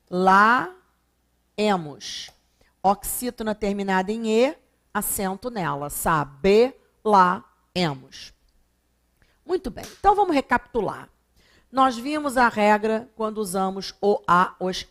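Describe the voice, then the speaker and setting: A woman's voice: mid-range voice, a bit bright. A woman teaching a grammar lesson, explaining each step and asking and answering her own questions. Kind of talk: classroom lecture.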